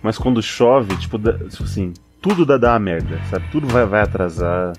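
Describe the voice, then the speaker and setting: A man's voice: fairly low pitch, animated, a little fast, creaky, over music. A man with a Brazilian Portuguese accent from São Paulo, chatting casually and rambling with lots of slang. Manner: rambling, repeating himself, heavy on slang fillers.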